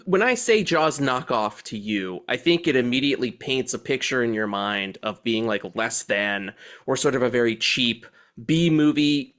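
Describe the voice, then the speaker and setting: A man's voice: medium pitch, fairly bright tone. A man hosting a podcast, talking casually about movies, laughing and swearing freely. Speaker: podcast host.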